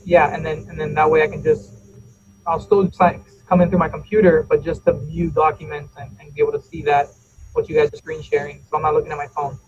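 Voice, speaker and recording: A man's voice: on the high side, big pitch swings, brisk, darkish tone, breathy edge. A man on a video call explaining his audio setup casually, his voice muffled as if heard through a wall from a distant laptop mic. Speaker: meeting participant on a video call. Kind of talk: casual, explaining tech trouble.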